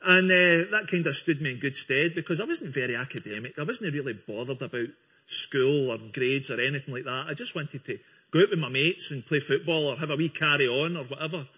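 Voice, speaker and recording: A Scottish man gives his church testimony to a congregation as a guest speaker, earnest and friendly, restarting himself now and then. His voice is fairly high and a little fast, bright and forceful with a breathy edge. The recording is dull and lo-fi.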